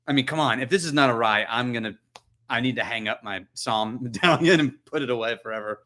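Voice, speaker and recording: A man with a bright, forward voice hosts a relaxed whisky tasting livestream from his own home. He chats and jokes with viewers, thinks out loud between sips and answers their comments as they come in. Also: medium pitch, fairly quick. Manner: chatty, joking, thinks aloud while tasting. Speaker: whisky channel host. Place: his own chilly house.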